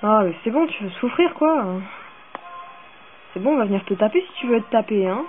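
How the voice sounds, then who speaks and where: Her voice a little high and her pace fairly quick, a woman chats casually while playing a video game. She rambles, swears and gets increasingly worked up and excitable, heard through tinny phone-like audio with faint music.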